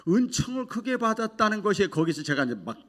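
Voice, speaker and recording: A man preaching a sermon as a pastor, telling an emotional testimony that swings from hushed to loud. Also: high voice, sing-song, fast.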